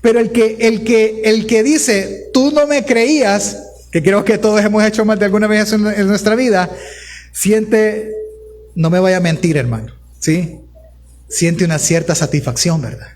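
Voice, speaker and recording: A Salvadoran pastor preaching with a high-pitched voice. He leans into his points and speaks straight to the people in the pews, calling them brother, at a Sunday service. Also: normal speed. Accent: Salvadoran Spanish. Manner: animated preaching, directly addresses the congregation as brothers. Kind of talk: sermon. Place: church service before a congregation.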